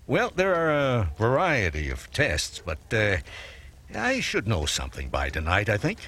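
An actor playing a college professor who explains in a measured, learned way, in a radio drama. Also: male voice, lowish voice, wildly swooping pitch, a bit bright, exaggerated voice. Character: scholarly, careful college professor.

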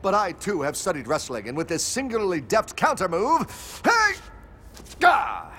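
A man's voice: high voice, wildly swooping pitch, normal speed, pushed and bright, slight background noise, full character voice. A man playing a pompous, self-assured male superhero who speaks in a formal, grandiloquent way. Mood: bold. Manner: grandiloquent, formal heroic speech. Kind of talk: comedic audio drama acting.

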